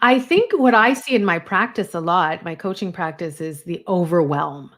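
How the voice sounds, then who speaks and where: A woman's voice: on the low side, lively intonation, normal speed, a bit bright. A middle-aged woman who co-hosts a podcast and works as a coach, telling stories in an emphatic, conversational way. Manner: emphatic, storytelling.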